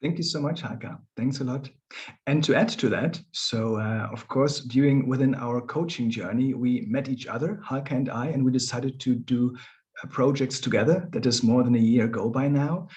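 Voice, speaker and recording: A man's voice: mid-range voice, normal speed, a little mellow, lo-fi sound. A middle-aged man, a coach, presenting in a friendly, loose way on a webinar. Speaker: coach and former manager. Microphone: video call.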